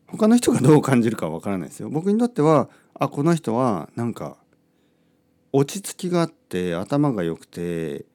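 With a mid-range, dark-toned voice, a middle-aged podcast host delivers a casual, rambling monologue on Japanese, breaking into his own sentences again and again.

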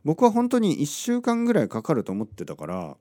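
Male podcaster, casual anecdote teller, warm dark voice, acts out the people he quotes, leaves almost no room sound. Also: on the high side, fairly quick, dry recording, clean studio sound. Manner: animated, acts out quotes, asks listeners rhetorical questions. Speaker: podcast host. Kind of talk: casual storytelling monologue.

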